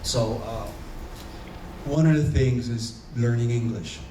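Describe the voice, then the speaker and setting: A Haitian panelist speaks slowly in a mellow, mid-range voice, offering earnest, searching personal reflections packed with fillers and restarts. The recording comes from far off in an echoey conference room, with slight background noise.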